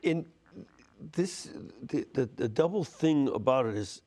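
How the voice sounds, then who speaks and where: A Polish American man, a priest hosting the show, responding thoughtfully and at a measured pace. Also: medium pitch, animated, dark tone. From United States, Polish American. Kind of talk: reflective conversational interview.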